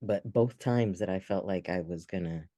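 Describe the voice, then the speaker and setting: A man with a very low, dark voice shares a personal story on a podcast. He talks in an earnest, reflective way, often restarting his sentences. The sound is close and dry. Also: moderate pace, no room sound. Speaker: podcast co-host. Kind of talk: casual podcast chat.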